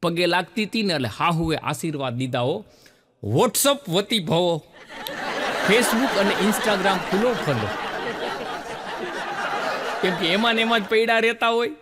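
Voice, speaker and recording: A man's voice: high voice, unhurried, pauses often, long reverb tail. A man with a Gujarati accent telling jokes on stage to a laughing audience, acting out the people in his stories. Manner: animated storyteller acting out quoted characters. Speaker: stand-up comedian.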